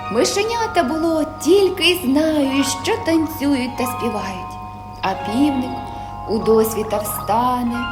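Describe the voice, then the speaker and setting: Lady storyteller reading a kids' fairy tale, high voice, roomy echoey sound. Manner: gentle, expressive storytelling.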